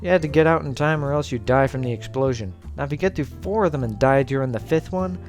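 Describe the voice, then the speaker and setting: Background music plays beneath this video essay host's casual, scripted commentary. He speaks sarcastically and informally in a mid-range voice at a quick pace.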